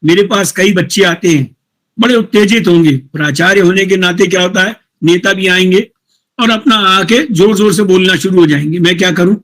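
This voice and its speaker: Man, college principal, teacher training lecture, high-pitched voice, slow deliberate reading of key points, asks listeners questions. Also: fairly bright tone. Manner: reads English points slowly, then explains them in a conversational tone; casual, addresses listeners directly with questions.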